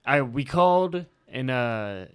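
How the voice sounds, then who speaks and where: Laughing comedian podcast host. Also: male voice, mid-range voice, expressive, takes it slowly, a bit bright, clear, resonant tone. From Alabama, US. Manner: joking, laughs often. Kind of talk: casual chat.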